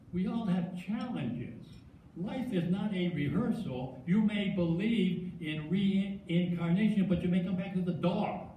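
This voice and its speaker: An older man delivers an acceptance speech in a big echoey hall, heard from some way off the mic. His voice sits a little high for a man but sounds mellow and soft-edged. He stutters and restarts often and mixes in dry jokes about himself. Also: recorded from a distance, slight background noise. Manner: stutters, halting restarts and self-deprecating humor. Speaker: hall of fame inductee. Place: large hall with long echo.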